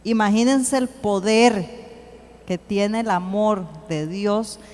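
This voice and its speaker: A woman giving an earnest church teaching, slowing to read scripture aloud. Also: medium pitch, darkish tone. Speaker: church speaker. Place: church hall. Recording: long hall reverb.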